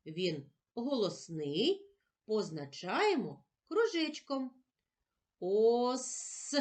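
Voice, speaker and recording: A woman teacher speaks slowly to young children, stretching out each sound and syllable. Her fairly high voice rises and falls a great deal, giving even plain instructions a sing-song lilt. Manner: clear, drawn-out sounding of letters and syllables. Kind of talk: slow lesson for young children.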